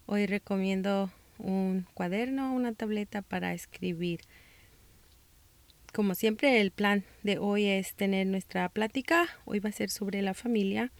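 A Mexican-American woman from Texas, with a northern border and South Texas accent, hosts a faith-based parenting podcast. Reading from a script, her mid-range voice stays calm and measured, slowing for scripture passages. The recording is close and dry, with no room sound.

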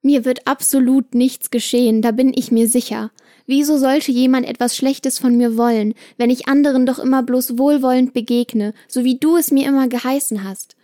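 A young woman voicing a gentle, loving granddaughter who pleads earnestly with her grandfather. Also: sits high, fairly even intonation, moderate pace, dry recording, studio quality, lightly acted.

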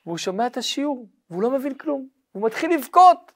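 A man, a rabbi, telling a religious story in a lively, dramatic way, often checking that listeners follow. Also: very high-pitched. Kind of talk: storytelling lesson.

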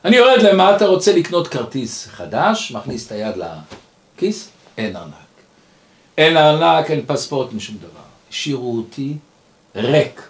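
A man's voice: on the high side, sing-song. A man quoting a distraught young kibbutznik. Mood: pleading. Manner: emotional, pleading. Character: distraught young male kibbutznik telling his story. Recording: roomy echo.

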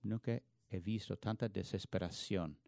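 Low gravelly man preaching a sermon. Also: warm tone, dry recording. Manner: earnest, emphatic preaching with rising force on key words; halting, restarts words mid-phrase. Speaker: pastor.

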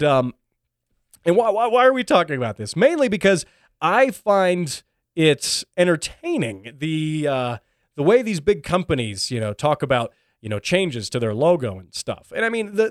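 A man's voice: fairly high pitch, dry recording, studio quality. A man hosting a casual commentary show, talking in a chatty, wry way with plenty of fillers and restarts. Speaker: show host.

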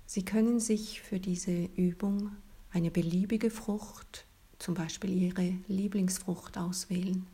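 A woman leading a guided relaxation in a soft, soothing, breathy spa-like whisper, as scripted narration. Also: lowish voice, steady tone, takes it slowly.

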